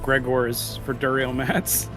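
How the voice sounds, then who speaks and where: A man's voice: mid-range voice, monotone, slow, over music. A man short on sleep chatting casually while gaming, mildly defending himself in friendly banter. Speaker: streamer's gaming partner.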